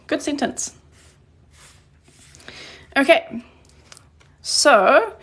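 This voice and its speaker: Seated indoors at a desk under an overhead phone camera, a woman teaches Korean grammar in a live online lesson. Her slightly high, fairly bright voice carries a noticeable gravelly fry as she explains each sentence, praises viewers' answers and takes their questions.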